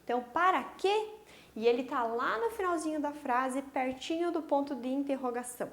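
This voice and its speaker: A woman's voice: sits high, a little fast. A woman teacher giving a recorded online grammar lesson to young pupils, explaining step by step and checking in with short tag questions. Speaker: primary school teacher.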